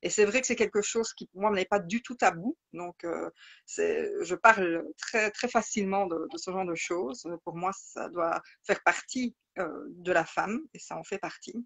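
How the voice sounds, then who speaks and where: A Belgian woman with a Liège accent, talking as a guest on a live video-call interview, halting with many fillers and restarts. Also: on the low side, creaky, fairly bright tone, husky. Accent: Liège Belgian French. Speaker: interview guest, identity coach.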